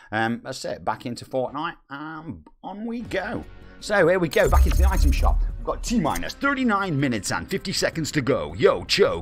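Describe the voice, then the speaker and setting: This is a man in his forties from England with a Nottingham accent. His mid-range voice is a bit bright as he chats casually on a live stream, reading viewer comments aloud in a cheeky way.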